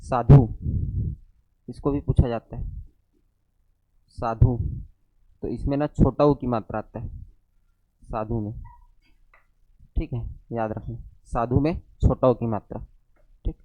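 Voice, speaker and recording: A man's voice: mid-range voice, steady tone, slow pace, pauses often, warm tone, no room sound. A man teaching a grammar lesson to a class, checking spellings with short questions and answers. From central India. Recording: dull lo-fi classroom recording.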